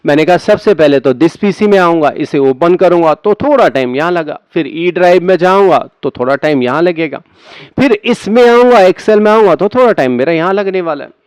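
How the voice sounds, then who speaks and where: A man's voice: fairly high pitch, animated, brisk, clean tone, no echo. A man teaching a computer lesson to students, talking casually and asking and answering his own questions. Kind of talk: screen-recorded computer lesson.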